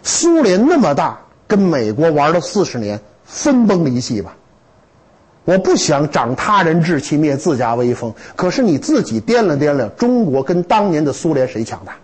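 Husky, animated male lecturer. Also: a little high, normal speed, poor audio. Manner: animated, humorous storytelling with rhetorical questions. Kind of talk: lively classroom lecture. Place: lecture hall with students.

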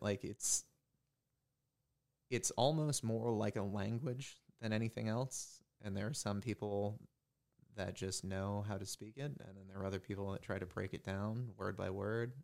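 A man's voice: on the low side, creaky, a little mellow. Laid-back man in his thirties, dry humor. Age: 30s. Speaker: podcast guest, comic. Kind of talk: casual chat.

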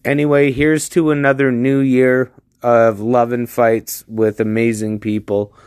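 Guy from canada leaving a chill voicemail, smooth clear voice, dry sound. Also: mid-range voice, little pitch movement, a little slow, a little mellow, no room sound. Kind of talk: casual voice message.

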